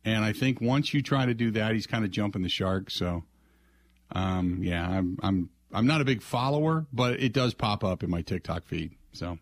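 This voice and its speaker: A man's voice: fairly low pitch, lively intonation, normal speed, no room sound. An American man hosting sports talk radio, chatting casually in a folksy, conversational way and slipping into sponsor plugs. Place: dry radio studio. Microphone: close broadcast mic.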